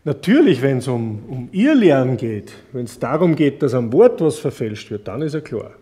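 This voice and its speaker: Male preacher, mellow low-toned voice, chatty storytelling sermon. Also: sing-song, moderate pace. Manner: chatty storytelling with rhetorical questions to the listeners. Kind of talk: conversational Bible teaching sermon.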